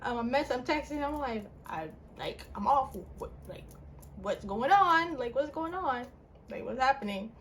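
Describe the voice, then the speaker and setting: A young woman casually telling a personal story on her channel, her voice jumping up in pitch and full of "like" fillers. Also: moderate pace, a little hiss or hum. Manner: animated, with big pitch jumps and frequent "like" fillers. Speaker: vlogger.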